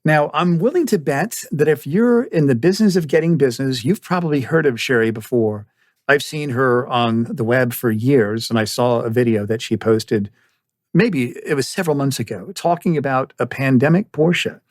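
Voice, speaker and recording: Hosting a podcast interview, a man with a medium-pitched voice talks at normal speed in an effusive, enthusiastic way. The recording is dry, with almost no room reflection.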